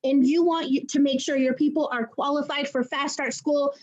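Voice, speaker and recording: A woman giving sales training on a group call, instructive and brisk as she lists steps for the team. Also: sits high. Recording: dull lo-fi call audio.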